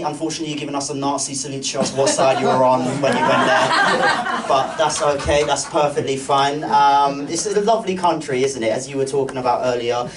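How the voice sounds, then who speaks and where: A man's voice: medium pitch, noisy background. A man, hosting a live comedy night, brash and teasing the crowd with lots of swearing. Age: 20s. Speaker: MC and stand-up comedian. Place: live venue with an audience. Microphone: stage mic held in hand. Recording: distant mic, loud audience laughter. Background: audience laughing and clapping.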